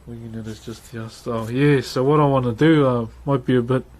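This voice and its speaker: With a broad New Zealand accent, a man hosts a livestream and chats casually with viewers while carving, laid-back and matey. His mid-range voice is fairly even in intonation, fairly quick, and darkish in tone. The recording carries clearly noisy background ambience.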